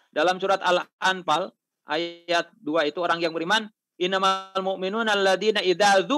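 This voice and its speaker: A man's voice: sits high, dry recording. A middle-aged man giving an online sermon, telling anecdotes and acting out the voices of the people in them. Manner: acts out pilgrims' dialogue in lively voices, chuckling storyteller. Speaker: preacher.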